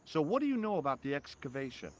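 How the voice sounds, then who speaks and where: A man voicing a wry, curious young hero in a video game, questioning people with a lively delivery. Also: fairly high pitch, quick pace. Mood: probing.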